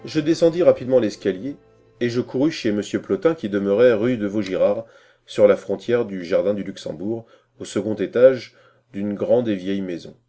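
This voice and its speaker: Un homme qui lit un roman à voix haute, narration posée et expressive. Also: male voice, fairly low pitch, faint music behind. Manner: measured, expressive reading. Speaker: audiobook narrator. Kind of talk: scripted narration.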